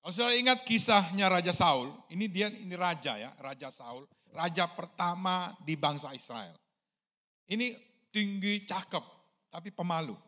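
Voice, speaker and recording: Lively Indonesian pastor telling a story. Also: male voice, moderate pace. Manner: storytelling, acts out quoted voices with big pitch jumps; conversational, asks the congregation questions. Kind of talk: sermon.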